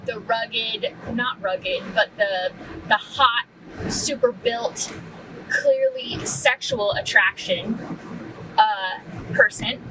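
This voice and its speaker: A woman's voice: fairly high pitch, drawn-out words. Chatty woman vlogging from her car. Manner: chatty, rambling, many fillers. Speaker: book vlogger. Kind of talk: casual chat while driving. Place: inside a moving car. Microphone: camera mounted in the car. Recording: distant camera mic, road noise.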